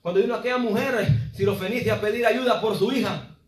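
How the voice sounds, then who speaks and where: A man pastor preaching a sermon, swinging between loud cries and low asides and often calling the congregation brother. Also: steady tone, quick pace, far from the mic, a little hiss or hum. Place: church sanctuary. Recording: echoey church hall, preacher off the mic.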